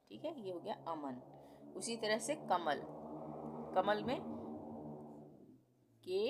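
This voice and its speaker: Woman teacher, slow patient lesson, repeats every sound, mid-pitched voice. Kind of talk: Hindi alphabet lesson at a board.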